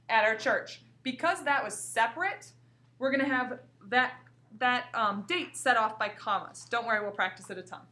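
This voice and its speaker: A woman teacher giving a recorded grammar lesson to young pupils, explaining slowly and reading example sentences aloud. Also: a little high, fairly bright tone. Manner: slow, clear explaining with examples read aloud. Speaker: grade school teacher.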